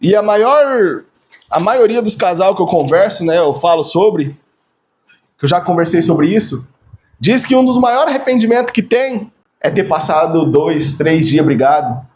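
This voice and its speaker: A man's voice: high voice, expressive, unhurried. A man from Brazil preaching in a loose, chatty way, with a voice that sits well above the usual male range. He keeps checking in with his listeners and leans on repetition to drive his points home. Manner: chatty, tags phrases with "né?", repeats words for emphasis. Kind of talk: casual conversational sermon.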